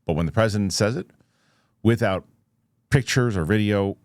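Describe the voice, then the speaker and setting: Thinking out loud in a halting, doubtful way, a man hosting a show riffs on the news without a script and keeps asking the viewer rhetorical questions. His voice sits fairly low. The recording is dry, with no room sound at all.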